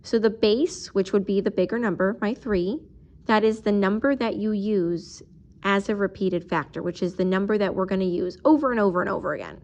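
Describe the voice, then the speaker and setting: A woman's voice: mid-range voice, fairly quick, darkish tone, muffled recording. A woman teacher recording a math video lesson, talking patiently and explaining each step while she writes.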